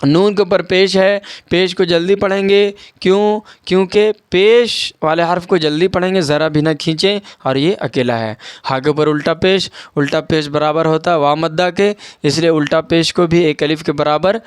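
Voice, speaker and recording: High, clear-voiced man teaching Qaida reading. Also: fairly even intonation, no room sound, studio quality. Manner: patient, spells letters out slowly and repeats. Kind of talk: online Qaida reading lesson.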